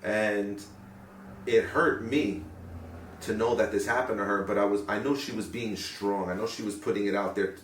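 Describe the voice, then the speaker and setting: A young man with a very low voice talks earnestly and reflectively in an interview, often stopping to find his words. He sits some way from the mic in a roomy space, with a faint hiss behind him. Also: fairly even intonation, normal speed. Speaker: interviewee, paramedic. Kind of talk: sit-down interview. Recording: roomy sound from a distant mic.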